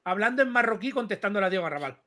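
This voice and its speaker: A man's voice: sits high, animated, racing, sharp tone. A man on a live chat show, teasing and boisterous, swearing freely in heated banter.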